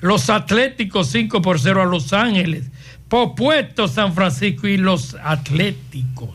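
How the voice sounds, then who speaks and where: A Dominican man co-hosting a sports radio show, reading scores in quick bursts and trading jokes with his co-hosts. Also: sits high, lively intonation, fairly bright tone. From Dominican Republic. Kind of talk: lively sports radio banter.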